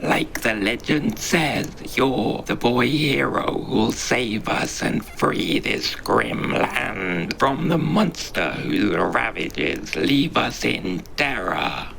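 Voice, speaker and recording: A man voicing a small, clumsy, excitable creature with tentacles, antlers and wings in a storybook tale, speaking in a trembling, whispery squeak. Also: slow, creaky, few pauses, slight background noise, exaggerated voice. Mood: starstruck.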